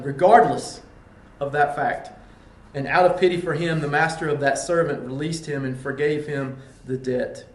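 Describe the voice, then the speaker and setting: Man, pastor, earnest sermon, slightly high voice, roomy echo. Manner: earnest, acts out quoted pleas.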